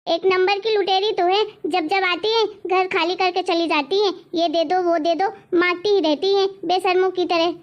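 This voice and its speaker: Brief: woman doing a demanding daughter-in-law, high voice, bossy and defiant. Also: steady tone, moderate pace, hardly any pauses, dull audio. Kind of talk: family drama acting.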